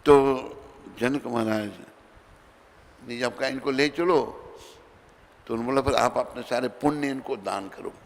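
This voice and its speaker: A man preaching a sermon in Hindi, telling a story with dramatic swings between loud and soft and acting out the dialogue. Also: mid-range voice, normal speed, vocal fry. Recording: reverberant hall with faint background noise.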